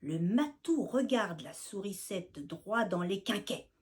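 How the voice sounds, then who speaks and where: A woman storyteller reading a scripted tale aloud in a lively, expressive way. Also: medium pitch, takes it slowly.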